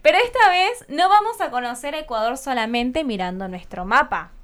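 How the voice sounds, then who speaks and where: A woman hosts a travel show and delivers a script like an announcer. Her voice is high, and it rises and falls with lively swings. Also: normal speed. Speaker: host. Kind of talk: scripted presentation.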